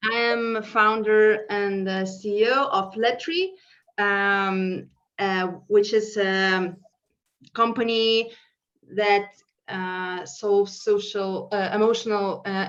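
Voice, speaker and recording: A woman's voice: medium pitch, a bit bright. A woman, a startup founder, introducing her idea with many fillers. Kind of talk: pitching on a video call. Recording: muffled video call audio.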